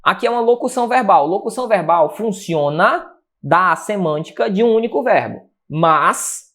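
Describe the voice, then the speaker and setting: Energetic exam-prep teacher. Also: male voice, high voice, normal speed. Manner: energetic, asks and answers his own questions. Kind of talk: lively exam-prep lecture.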